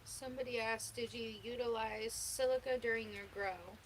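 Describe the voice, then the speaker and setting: A woman's voice: fairly high pitch, steady tone, moderate pace. A woman casually relaying and reading out questions, sounding away from the microphone in a noisy recording. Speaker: helper relaying viewers' questions. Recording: clear background noise, off-mic.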